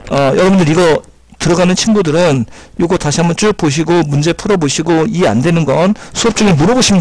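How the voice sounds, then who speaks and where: Man, teacher, exam-prep grammar lecture, gravelly, dry close sound. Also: on the high side, darkish tone, dry recording. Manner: explanatory, repeats key terms, sounds words out slowly. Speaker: Korean language teacher.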